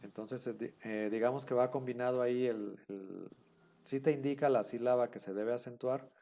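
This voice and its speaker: A man's voice: medium pitch, fairly even intonation, normal speed, dark tone. A man explains a rule to his students, going over it again and again. He talks patiently, with plenty of fillers and small restarts. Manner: patient, repeats rules, many fillers. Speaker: Hebrew teacher. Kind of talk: online class explanation.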